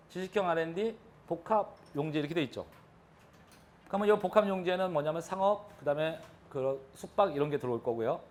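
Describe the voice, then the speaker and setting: Male lecturer, quick and lively delivery, teaches by quizzing the room, voice sits a bit high. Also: a little hiss or hum. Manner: animated, poses questions to the audience. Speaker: real estate lecturer. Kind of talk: live classroom lecture.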